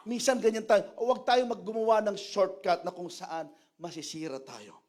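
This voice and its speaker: A man preaching a sermon as pastor, animated, mixing Tagalog and English and acting out the voices he quotes. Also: sits high, a little slow. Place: church.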